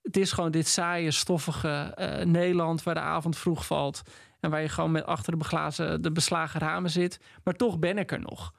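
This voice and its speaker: A man with a fairly high, gravelly voice reflects in a casual literary chat, pausing and restarting as he thinks. The sound is dry and close. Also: flat delivery, no echo. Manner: reflective, thinking aloud with hesitations. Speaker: podcast co-host.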